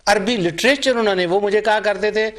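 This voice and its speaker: High-voiced middle-aged man lecturing. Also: a bit bright, a little hiss or hum. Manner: storytelling, acts out remembered dialogue; emphatic, stresses points with repetition. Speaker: Islamic scholar and Quran reciter. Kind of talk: religious lecture with personal anecdotes.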